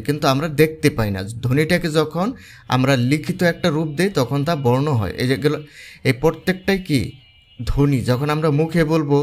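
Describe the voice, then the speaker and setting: Bangladeshi guy, slightly high voice, tutoring exam prep step by step. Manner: steady explaining, spells out examples slowly. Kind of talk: explanatory lesson.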